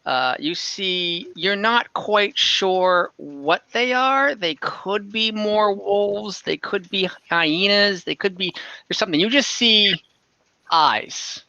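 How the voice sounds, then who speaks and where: A game master improvises narration and thinks aloud while running a fantasy tabletop game over an online voice call, relaxed and easygoing. The mid-range voice is slow, pushed and bright, in a dry recording with the highs cut off.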